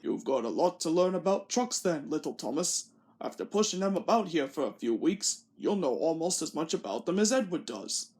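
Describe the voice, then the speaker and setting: A woman voicing a stern, fatherly male railway controller in a children's storybook, speaking in a measured, admonishing way. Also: sits low, sing-song, darkish tone, voice pushed down. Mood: admonishing, kindly.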